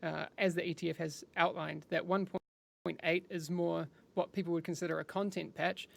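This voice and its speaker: Man, stream host, chatty, rambling, gravelly fry, live studio interview. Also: on the high side, flat delivery, normal speed. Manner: chatty and rambling, with frequent restarts. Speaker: livestream host interviewing developers.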